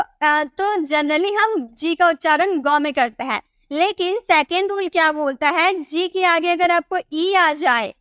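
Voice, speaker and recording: A woman's voice: sits high, fairly bright tone, no echo, studio quality. A woman teaching English pronunciation rules step by step, repeating words and quizzing the viewer. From India.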